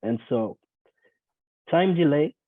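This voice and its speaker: A man's voice: on the high side, lively intonation, slow pace, no room sound. A young man with a cold presents a technical talk, stopping and restarting often with many ums. His voice comes from a screen recording of a video call. It sounds thin and phone-like, and the sound is completely dry. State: has a cold. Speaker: conference presenter.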